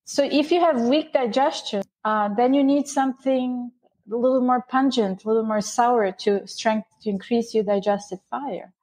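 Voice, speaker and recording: Animated woman explaining as a guest. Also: on the high side, moderate pace, a little hiss or hum. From Bulgaria. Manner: explanatory, animated, with frequent restarts. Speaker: guest, Ayurveda author. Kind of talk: interview conversation.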